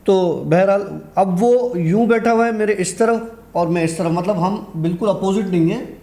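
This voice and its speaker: A guest storyteller recounts a personal horror anecdote conversationally, acting out the dialogue along the way. His high-pitched voice has a warm tone and moves at normal speed.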